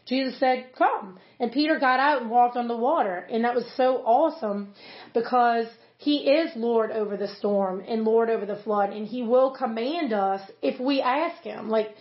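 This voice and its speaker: A fairly high-voiced woman pastor talks through a devotional in an earnest, chatty way, full of casual fillers. The recording is roomy and a little dull. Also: normal speed. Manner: earnest, conversational, many fillers. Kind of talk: casual podcast devotional teaching.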